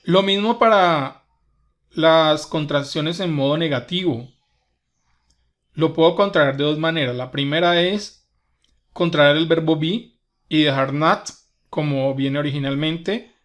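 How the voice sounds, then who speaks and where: A man's voice: a little high, measured pace, pauses often, a bit bright. A man whose first language is Spanish teaching an English grammar lesson, patiently repeating each example step by step. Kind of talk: slow grammar lesson explanation.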